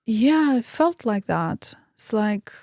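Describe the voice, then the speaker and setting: A woman's voice: fairly high pitch, sing-song, slow pace, a little mellow, no echo. Woman, Ukrainian accent, interview guest, candid, hesitant restarts, dry close sound. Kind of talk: conversational interview.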